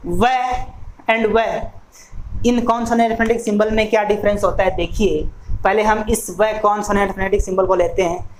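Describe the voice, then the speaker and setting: A male teacher walks through each word slowly, naming every sound in turn and repeating the word to drill it. His voice sits fairly high and carries a faint hiss behind it. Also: poor audio. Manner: slow, deliberate, spells out sounds one by one; repeats words to drill pronunciation. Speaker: English exam-prep teacher. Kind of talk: recorded classroom lesson.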